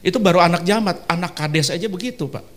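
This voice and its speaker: A male pastor delivering an animated sermon, his voice sitting a little high for a man. He draws the congregation into call-and-response and breaks up the preaching with playful asides, as if speaking in a church service. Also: fast talker.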